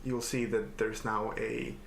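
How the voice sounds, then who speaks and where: A man calmly and methodically walking through a software tutorial he made, with the odd filler "uh". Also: fairly low pitch, measured pace, gravelly. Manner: calm, methodical explaining with filler uhs. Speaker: software developer demonstrating his editor. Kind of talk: screen-recorded software tutorial. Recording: echoey room, faint noise.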